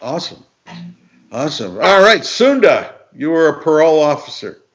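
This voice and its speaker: A man's voice: fairly high pitch, animated, moderate pace, poor audio. A man hosting a casual discussion, asking questions and laughing easily. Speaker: host.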